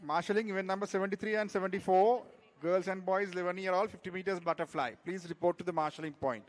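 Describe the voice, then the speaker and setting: A man announcing event call-ups over a PA loudspeaker at a swimming meet, in brisk, clipped call-outs heard from a distance. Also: high voice, fairly even intonation. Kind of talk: public address announcements. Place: indoor or poolside swimming venue.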